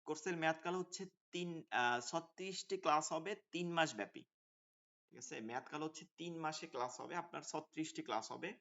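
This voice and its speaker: A man's voice: a little high, fairly bright tone. A man teaching an online Quran course, explaining the class plan in a hesitant way with many fillers over a video call. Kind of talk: online class orientation talk. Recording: dull lo-fi call audio.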